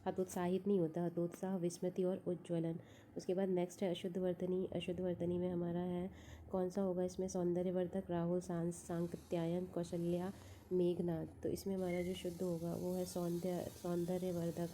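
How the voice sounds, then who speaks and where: A woman's voice: fairly low pitch, completely flat delivery, moderate pace, dark tone, slight background noise. A woman teaching exam prep, going through test answers one by one, repeating each answer and thinking aloud with fillers.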